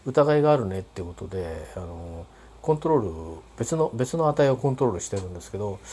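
A man talking alone in a casual spoken diary, rambling politely with many fillers and restarts and trailing off softly at the ends of phrases. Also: medium pitch, a little hiss or hum. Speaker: solo podcast host.

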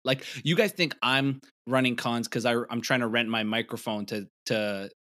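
Bright, slangy man. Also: medium pitch, normal speed. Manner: animated, slangy storytelling. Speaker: podcast host. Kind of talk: casual chat.

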